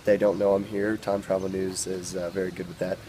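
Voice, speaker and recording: Teen boy, lowish voice, halting live reporter full of fillers; faint noise. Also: little pitch movement, mellow. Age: teens. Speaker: field reporter in a school video project. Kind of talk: amateur mock news report.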